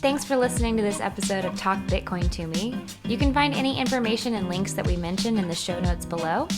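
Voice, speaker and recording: A woman's voice: mid-range voice, over loud music. A woman co-hosting a podcast, chatting casually in a bubbly, playful way and joking with her co-host. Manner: bubbly, playful, quick to joke.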